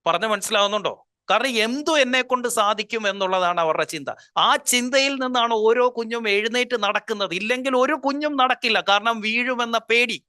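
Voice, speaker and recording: A man's voice: high-pitched, pushed and bright, no echo, clean studio sound. A man giving a motivational talk. He speaks with emphasis, keeps asking his listeners rhetorical questions and mixes English phrases into his speech.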